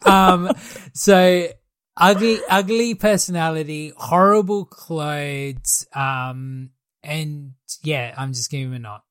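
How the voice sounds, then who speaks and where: An Australian podcast host leading a segment in a slow, crude, joking way. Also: medium pitch, steady tone, a bit bright, dry recording. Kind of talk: casual chat, segment hosting.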